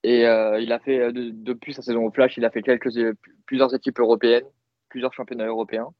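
A man's voice: mid-range voice, little pitch movement, fast, no room sound, highs cut off. A man co-hosting a casual sports podcast, talking with many fillers and restarts. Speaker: podcast co-host.

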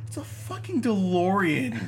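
A man's voice: high-pitched, wildly swooping pitch, unhurried, a little hiss or hum. A man co-hosting a casual movie-review chat, talking sarcastically and trailing off into mumbled asides. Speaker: podcast co-host.

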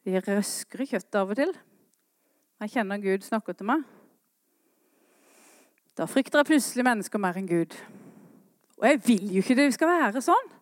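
A woman preaching a sermon, swinging between quiet earnest talk and impassioned rising calls. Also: mid-range voice, expressive, pauses often, no room sound, studio quality.

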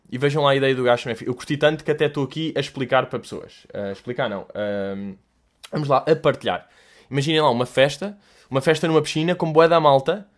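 A young man with a European Portuguese accent, hosting a casual solo chat and answering listener questions in an animated, joking way, full of slang and swearing. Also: medium pitch.

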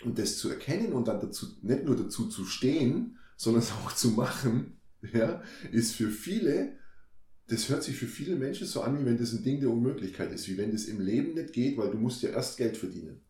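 A man's voice: medium pitch, animated, brisk, warm tone. A man in a casual conversation, reflective, explaining his ideas through everyday examples and questions he asks himself. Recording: roomy echo.

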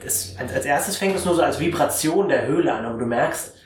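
A man narrating a tabletop game as the game master, giving slow drawn-out voices to the characters. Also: fairly high pitch, animated. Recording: echoey room, distant mic, faint noise.

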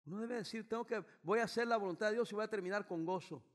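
An older man, a pastor, preaching a sermon that swings from loud exclamations down to quiet low passages. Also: fast. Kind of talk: bilingual sermon.

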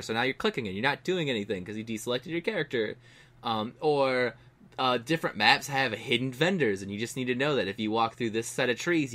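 A young man with an ordinary mid-pitched voice talks loosely on a gaming podcast. He rambles and gets opinionated, trailing off and restarting, and is quick to laugh. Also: a bit bright. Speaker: podcast co-host. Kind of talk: casual chat.

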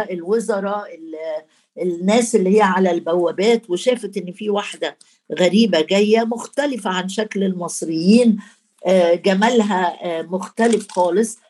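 A woman with an Egyptian Arabic accent delivers a Bible teaching sermon at a moderate, mid-range pitch. She talks conversationally and turns to her listeners directly. She recites verses in formal Arabic and stops now and then to find the right word. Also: a little mellow. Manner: colloquial, addresses listeners directly; quotes scripture in formal Arabic. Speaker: preacher.

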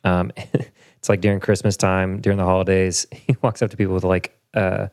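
Man, podcast host, casual chat, lowish voice, laughs a lot, dry close sound. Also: little pitch movement, normal speed, a little mellow, clear, resonant tone, dry recording. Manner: laughs often, chatty and jokey.

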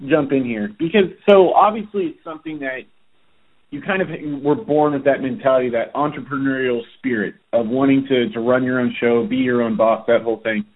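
A man hosts a podcast and interviews his guest in a friendly, chatty way, speaking a little fast with a medium-pitched voice. The recording sounds tinny, like a phone line.

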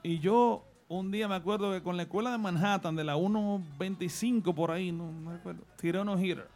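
Soft background music plays as a Dominican-accented man from the Dominican Republic shares his personal story in a radio interview, sincerely offering advice. His voice sits high with a darkish tone, and he speaks a little fast.

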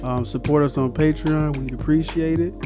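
A man co-hosting a podcast in casual chat, easygoing and agreeable, throwing in quick asides. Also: on the high side, fairly even intonation, over music. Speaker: podcast co-host.

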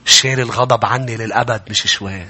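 A man with a Lebanese accent preaching a sermon, swinging from quiet, close speech to loud, impassioned peaks. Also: fairly low pitch, steady tone, fast talker. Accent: Lebanese Arabic. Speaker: pastor.

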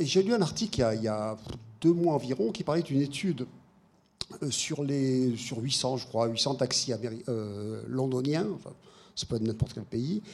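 A man in the audience taking the microphone, speaking haltingly with many repeated words. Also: mid-range voice, gravelly, a little mellow, breathy edge. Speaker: audience member asking a question. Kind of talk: spontaneous question from the floor. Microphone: handheld microphone.

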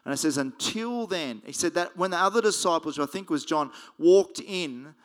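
A man preaching a sermon as pastor, telling the story lively and acting out frightened voices. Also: fairly high pitch, normal speed.

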